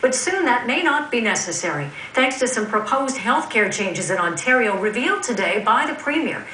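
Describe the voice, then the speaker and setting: A woman's voice: on the high side, big pitch swings, normal speed, sharp tone, echoey room, recorded from a distance, a little hiss or hum, low-quality recording. A woman anchoring a newscast, reading a scripted introduction to a report. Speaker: news anchor.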